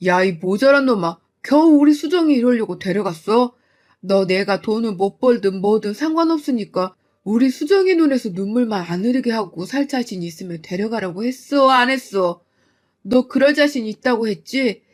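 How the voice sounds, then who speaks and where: A woman playing an angry doting father, stern, loud, threatening, storytelling. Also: medium pitch, expressive, moderate pace, natural voice. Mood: enraged. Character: enraged doting middle-aged father.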